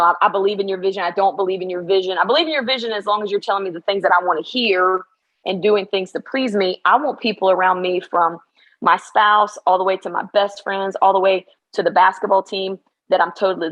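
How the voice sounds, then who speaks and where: In a casual interview, a middle-aged woman who coaches basketball speaks with emphatic, motivational energy, her voice slightly hoarse from practice. She pitches on the low side, and the sound is lo-fi.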